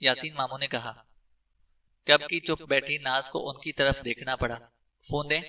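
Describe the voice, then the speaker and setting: A man reading a novel aloud as an audiobook narrator, with steady storytelling. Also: medium pitch, unhurried, recorded from a distance. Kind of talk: scripted narration.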